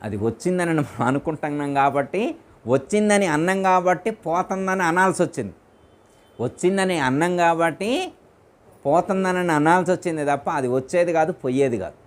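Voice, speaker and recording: A man's voice: a little high, a little fast. A man as spiritual teacher giving a discourse in a private home, repeating his phrases and putting questions to his listeners.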